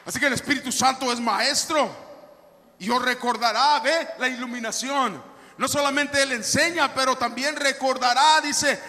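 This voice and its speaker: A man preaching a sermon as pastor, emphatic, rising to shouts and dropping to soft, hushed asides. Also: very high-pitched, normal speed, a faint crowd. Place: church sanctuary. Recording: long reverb of a church hall.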